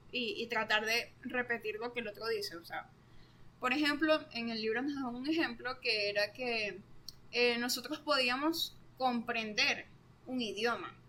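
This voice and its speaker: A woman's voice: on the high side, sharp tone, a little hiss or hum. A young woman explains course material in a casual, chatty way, full of fillers.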